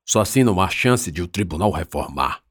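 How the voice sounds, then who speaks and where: A middle-aged judge answers in a halting, evasive way, his low voice carrying a husky edge, as a male narrator reads him. It sounds like a plain audiobook take. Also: animated, no echo, studio quality.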